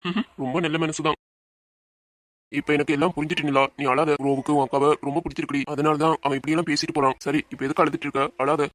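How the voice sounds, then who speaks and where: A man acting out a cocky young man in love, sure of himself and soothing in turn. His voice is bright and forceful, quick, and the sound is dry and close. Amateur audio drama. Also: a little high, little pitch movement, no room sound, natural voice. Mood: confident. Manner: cocky, gently reassuring.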